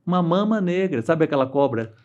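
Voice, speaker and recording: A middle-aged Brazilian guest, a dam engineer, tells stories in a casual interview with a Brazilian Portuguese accent, halting through restarts and fillers and voicing those he quotes. His fairly high, animated voice has a darkish tone, and the highs are cut off.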